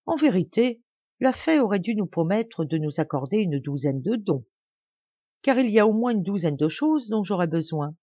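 Woman doing an excitable peasant wife from a storybook, dry, slightly dull recording. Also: mid-range voice, moderate pace, slightly rough, no room sound. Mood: musing. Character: quarrelsome poor peasant wife, impulsive.

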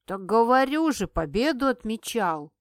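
A woman's voice: a little high, big pitch swings, no room sound, clean studio sound. Woman putting on a hiccuping tipsy little imp. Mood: boastful. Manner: hiccuping, drawling slowly. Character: tipsy cheeky little male imp familiar.

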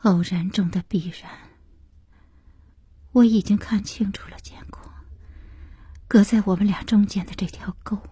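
A woman reading the part of a heartbroken young woman who is ending her marriage, speaking softly and with resignation. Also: medium pitch, steady tone, measured pace, long pauses, slightly rough, no room sound, pitched above the performer's own voice. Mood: sad, resigned. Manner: soft, hushed and resigned.

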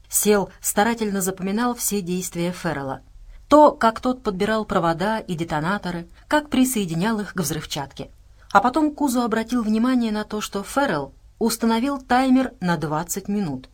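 Woman, audiobook narrator, scripted reading, lifts her voice for dialogue. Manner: reads dialogue with raised pitch and volume for characters.

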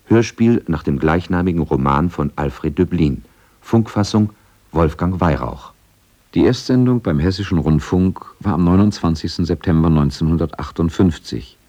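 Reading a scripted radio documentary feature, the male narrator keeps things measured and factual. There's a relaxed darkness to his low, warm voice.

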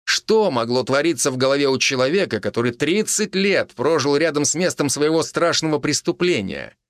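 A man narrating an audiobook in a measured, expressive reading voice. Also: on the high side, no room sound, studio quality.

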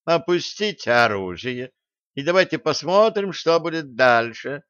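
A sullen soldier who argues for caution, as a male reader voices him, measured and stiffly polite. The audiobook recording is dry and a bit dull. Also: a little high, sing-song, fairly bright tone, no echo, pitched above the performer's own voice. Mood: gloomy. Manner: gloomy, deliberate, overly polite.

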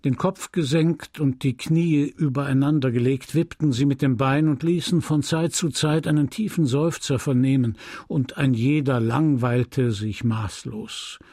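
A man reading a classic novel aloud in a measured, grave narration. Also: medium pitch, steady tone, dark tone, slightly rough, dry recording, studio quality. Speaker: audiobook reader. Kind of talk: scripted literary narration.

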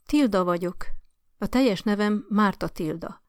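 A woman's voice: medium pitch, expressive, clear, resonant tone, no room sound, studio quality, natural voice. A woman doing a patient, polite young visitor. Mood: patient, gentle. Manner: polite, patient, gently persuasive.

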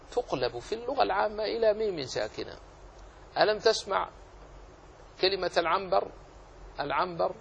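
A man's voice: high-pitched, vocal fry, lo-fi sound, slight background noise. A man teaching a lesson on Quran recitation rules, explaining patiently and repeating key phrases. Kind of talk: Islamic lesson on tajweed rules.

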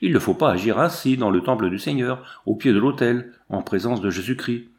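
A man's voice: mid-range voice, animated, brisk, a little mellow, close to an everyday voice. A man reading aloud, voicing a stern male village priest who delivers a solemn rebuke. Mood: indignant.

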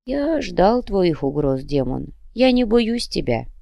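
A woman voicing a stern, dying old male monk who speaks slowly and curtly. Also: lowish voice, very animated, vocal fry, warm tone, no echo, clean studio sound, pitched above the performer's own voice, heavily acted. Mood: defiant. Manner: slow, weighty, curt speech. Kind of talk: audiobook character reading.

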